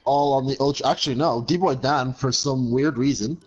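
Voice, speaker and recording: A man's voice: medium pitch, normal speed, a little mellow, highs cut off. A man giving live motorsport commentary, describing incidents and analysing the race. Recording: clear background noise.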